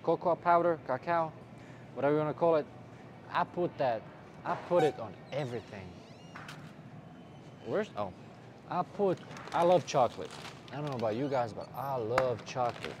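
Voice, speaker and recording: A man's voice: medium pitch, expressive, moderate pace, pauses often. A man from Bosnia filming a casual fitness vlog while shopping in a supermarket, joking and talking to the camera. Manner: playful, jokey, talks to camera. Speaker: fitness vlogger. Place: supermarket aisles. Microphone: handheld camera, filmed by cameraman. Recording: noisy store with background ambience. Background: shop ambience.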